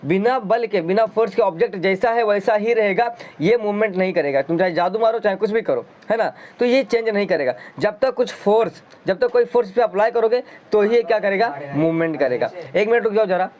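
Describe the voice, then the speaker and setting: A man's voice: high-pitched, lively intonation, a little fast, a little mellow. A man teaching a school science lesson in a chatty, coaxing way, asking his students questions as he goes. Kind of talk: explaining a science lesson in Hindi. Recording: dull lo-fi sound.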